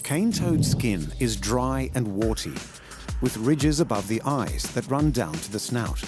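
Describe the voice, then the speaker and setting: A man narrates a nature documentary over clearly audible music. His pitch sits in a medium range but moves expressively, rising and falling to give the scripted lines a measured sense of drama. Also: sing-song. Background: background music.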